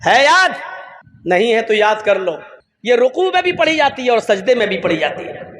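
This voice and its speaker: A man's voice: extremely high pitch, sing-song, normal speed, a bit bright, reverberant, a little hiss or hum. A man giving an Islamic sermon, emphatic and full of rhetorical questions, now and then chanting prayers. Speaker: Islamic preacher. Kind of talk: religious lecture.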